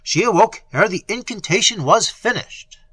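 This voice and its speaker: A man's voice: high-pitched, animated, moderate pace, pushed and bright, husky, no room sound, pitched above the performer's own voice, full character voice. A man voicing an oily, mocking necromancer who purrs his sardonic words. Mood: commanding. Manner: purring, sardonic.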